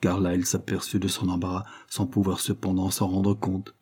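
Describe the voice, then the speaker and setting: Husky, mellow male audiobook narrator. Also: deep voice, completely flat delivery, moderate pace. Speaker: audiobook reader. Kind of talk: scripted narration.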